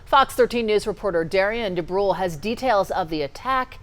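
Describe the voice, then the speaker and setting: A woman news anchor reading studio copy in a polished, even way. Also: medium pitch, normal speed.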